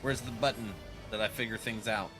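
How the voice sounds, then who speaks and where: A man's voice: on the low side, fairly even intonation, fairly quick, over music. A man doing casual, slangy gameplay commentary, reacting and joking to himself as he plays. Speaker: video game streamer.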